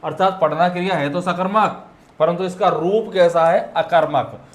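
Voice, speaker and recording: Slightly high-voiced man teaching a class. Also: moderate pace, echoey room. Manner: explanatory, asks and answers his own questions; clears throat and coughs now and then. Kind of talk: exam solution lecture.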